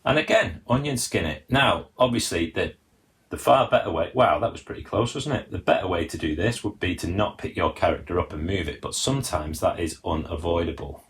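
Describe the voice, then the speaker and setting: Man, husky, chatty workshop host, explains step by step. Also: deep voice, brisk, a bit bright. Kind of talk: live-stream teaching demo.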